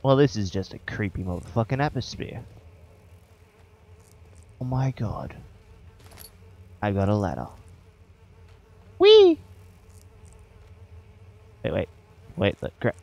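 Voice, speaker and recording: A man's voice: lowish voice, expressive, unhurried, gravelly, long pauses, a little mellow, muffled recording. Profane joking man playing a horror game. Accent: non-standard, says he has an accent. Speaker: gameplay commentator. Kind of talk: horror game let's play commentary.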